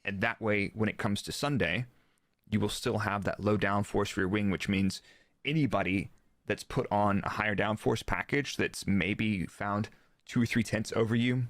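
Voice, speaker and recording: A former Formula 1 performance engineer, appearing as a guest expert in a live interview, breaks down motorsport technicalities in a relaxed, informal way, using quoted remarks to make his points. His voice sits on the low side at a normal speed, with clean studio quality and no room sound.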